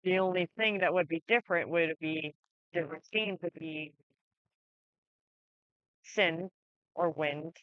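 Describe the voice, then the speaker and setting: An anime channel creator giving a casual channel update, talking in a halting, rambling way with many restarts. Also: mid-range voice, smooth, no echo. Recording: dry, slightly dull lo-fi recording.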